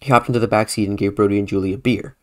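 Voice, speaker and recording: Reading his own horror story on his podcast, this man keeps it casual and frequently corrects himself. He talks rapid-fire in a lowish voice with fairly even intonation.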